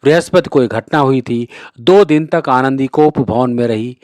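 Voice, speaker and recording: A man's voice: medium pitch, moderate pace, no echo. Man narrating a classic story, dry sound. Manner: steady, expressive narration. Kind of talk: reading a classic short story aloud.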